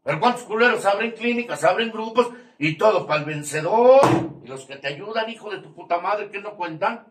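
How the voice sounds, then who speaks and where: An older man with a Mexican accent, his voice sitting high with lively intonation, talks a little fast and hardly pauses. His profane testimony to a support group is crude, mocking and confrontational, full of swearing and laughter at his own jabs. The mic is far off in an echoey room with faint noise.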